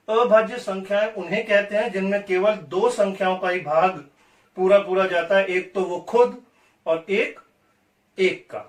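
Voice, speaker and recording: Slow, high-voiced male maths teacher. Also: recorded from a distance. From India. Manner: repeats definitions slowly, asks and answers own questions. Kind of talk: classroom maths lesson. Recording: echoey room, voice off-mic.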